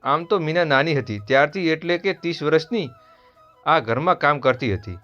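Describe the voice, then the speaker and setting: A man with a Gujarati accent narrating a family story in a steady, earnest scripted read. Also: fairly high pitch, moderate pace. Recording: dull lo-fi voice over soft music.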